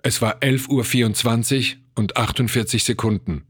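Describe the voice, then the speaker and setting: A man reads a tense audiobook story in a measured way. His mid-pitched voice has a breathy edge. The sound is dry and close with no room. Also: fairly bright tone, dry recording. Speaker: narrator. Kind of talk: scripted audiobook narration.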